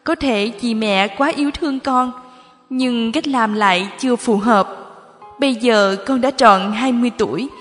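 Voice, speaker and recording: A heartbroken mother pleads with her grown daughter, her voice choked and shaking, as a woman narrator puts her on. The tone sits slightly high. A long reverb and faint music sit under the storybook reading. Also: moderate pace, close to an everyday voice. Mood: pleading. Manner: choked, trembling. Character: tearful middle-aged mother begging forgiveness.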